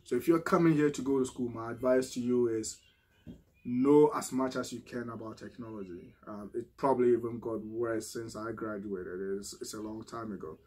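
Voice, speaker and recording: In a casual advice monologue to camera, a middle-aged Ghanaian vlogger speaks with a Ghanaian accent, his medium-pitched voice steady, a little mellow and edged with breathiness at a normal speed. He talks conversationally, often restarting, repeating words and tacking "right?" onto his sentences.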